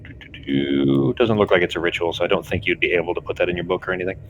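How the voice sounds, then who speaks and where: Low-voiced man running a tabletop game. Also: flat delivery, rapid-fire, dull audio, slight background noise. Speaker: game master. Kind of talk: casual explaining of tabletop game rules.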